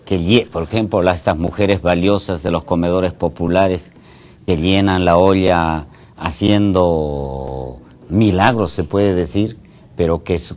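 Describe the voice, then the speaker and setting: Deep-voiced middle-aged man interviewed in studio. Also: a little mellow. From Peru. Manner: earnest, many hesitation fillers. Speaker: mayor and guest. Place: TV news studio.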